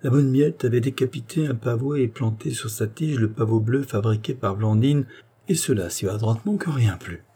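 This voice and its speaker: Mellow, husky male storyteller. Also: mid-range voice, moderate pace. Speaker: narrator. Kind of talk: audiobook narration of a children's tale.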